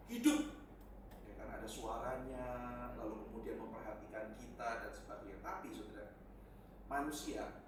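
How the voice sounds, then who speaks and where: A male pastor giving a conversational sermon with sudden loud, high bursts for emphasis. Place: church hall. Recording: echoey hall, distant mic, faint noise.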